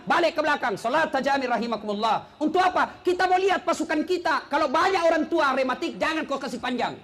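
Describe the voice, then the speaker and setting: High-voiced preacher telling jokes. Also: male voice, a bit bright. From South Sulawesi. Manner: joking storyteller, acts out characters, drops low for punchlines. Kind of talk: humorous sermon.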